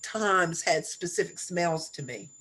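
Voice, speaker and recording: A woman in her seventies reminiscing in conversation as an interview guest, reflective and deliberate, repeating phrases for emphasis. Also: on the low side, expressive, fairly bright tone, husky, low-quality recording. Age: 70s. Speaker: interview guest, elder sharing life stories.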